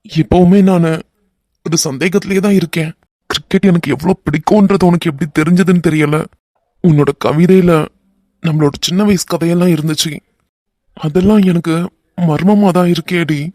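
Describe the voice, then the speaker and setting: A man voicing a young husband in an animated romance, earnest and bantering in a Kanyakumari Tamil accent. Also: on the high side, dry recording, studio quality, close to an everyday voice.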